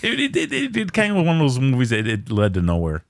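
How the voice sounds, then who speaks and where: A man co-hosting a casual horror movie podcast, talking excitedly with lots of stammering restarts and blunt, profane words. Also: mid-range voice, quick pace, gravelly, no echo, studio quality. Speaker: podcast co-host.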